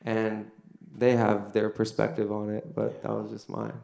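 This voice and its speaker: A man's voice: fairly low pitch, completely flat delivery, unhurried, vocal fry, a crowd in the background. A young man telling a personal faith testimony in a casual storytelling way, full of fillers. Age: young adult. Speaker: son giving a testimony. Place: university venue. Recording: echoey room.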